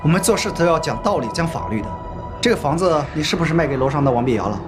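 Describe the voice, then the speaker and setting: A woman's voice: sits low, lively intonation, over music. An actress playing a firm woman court enforcement officer who issues stern warnings. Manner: stern, warning, fast-talking.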